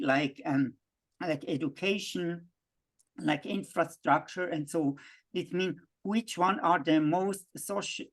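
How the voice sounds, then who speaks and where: A man from Switzerland, giving a halting worldview lecture full of restarts and fillers. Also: sits high.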